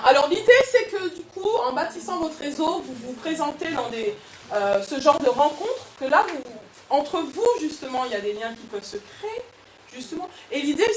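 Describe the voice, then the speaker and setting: A woman coach giving a lively motivational workshop talk to an audience, with frequent restarts. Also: high-pitched, a little hiss or hum. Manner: lively, animated, with many restarts. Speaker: personal development coach. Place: event room with an audience. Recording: echoey room, far from mic.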